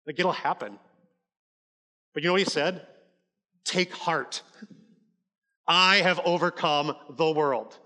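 Bright-voiced male pastor preaching. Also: fairly high pitch, takes it slowly, pauses often, big-room sound. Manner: conversational, emphatic preaching with frequent "like" and restarts. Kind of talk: sermon.

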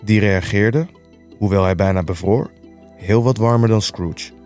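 A man reading the narration of a classic story aloud in measured, even storytelling. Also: fairly low pitch, soft background music. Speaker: audiobook reader. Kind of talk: scripted narration.

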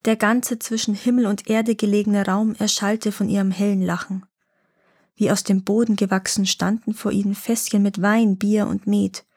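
A woman narrating a fairy-tale legend in a calm, even reading voice. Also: medium pitch, moderate pace, breathy edge, dry recording, studio quality.

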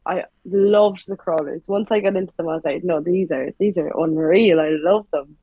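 Young west of Ireland woman, lowish voice. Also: normal speed, dark tone, husky, no room sound. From Galway, west of Ireland. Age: young adult. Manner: chatty, informal. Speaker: tower crane operator, interview guest. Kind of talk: casual interview chat.

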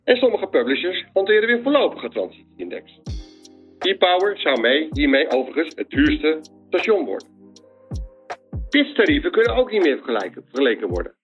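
A man's voice: on the high side, big pitch swings, fairly quick. A man leaving a voicemail message, rattling off industry jargon and questions, heard played back. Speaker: media industry caller. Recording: dull lo-fi voicemail with faint music.

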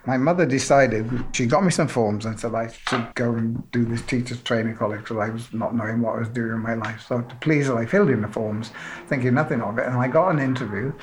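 A man's voice: mid-range voice, a little fast, noisy background. A man from South Wales, a sculptor, telling his story in a rambling, self-deprecating way with many "you know"s. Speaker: sculptor being interviewed. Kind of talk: relaxed interview storytelling.

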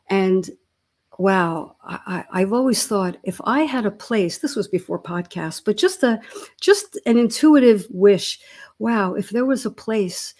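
A therapist in her sixties co-hosts a casual podcast, speaking earnestly and reflectively while searching for her words. Her voice is medium-pitched and a little mellow.

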